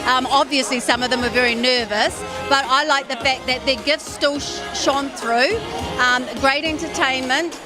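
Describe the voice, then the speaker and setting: A woman's voice: high-pitched, fairly even intonation, normal speed. A woman with a New Zealand accent chats casually in an interview as a pageant judge. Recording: music and crowd noise behind. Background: loud music and crowd.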